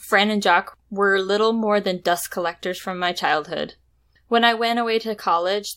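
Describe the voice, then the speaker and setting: A woman co-hosting a podcast, reading a story aloud in a steady storytelling way between casual chat. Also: medium pitch. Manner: steady storytelling read with light laughs. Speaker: podcast co-host.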